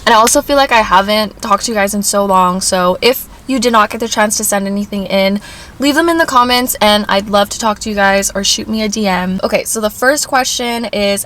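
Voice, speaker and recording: A woman's voice: mid-range voice, fairly bright tone. Chatty young woman vlogging, chewing snacks. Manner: chatty, eats and chews while talking. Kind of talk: casual Q&A vlog. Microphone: self-filmed on camera.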